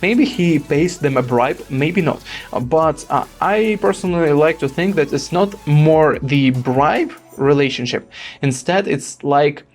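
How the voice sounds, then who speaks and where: Guy rambling thru a story while he plays, lotta uhs, slightly high voice, bit of game music behind. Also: unhurried, a little mellow. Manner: rambling, hesitant storytelling with many fillers. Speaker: gaming YouTuber. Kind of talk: casual commentary over gameplay.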